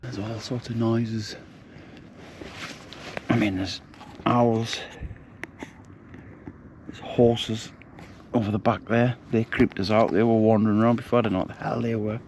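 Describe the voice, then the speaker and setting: Hushed man telling a ghost story. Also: on the low side, steady tone, measured pace, pauses often, slight background noise. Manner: hushed, rambling, with many fillers. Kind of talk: casual storytelling to camera. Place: outdoors at night, camping.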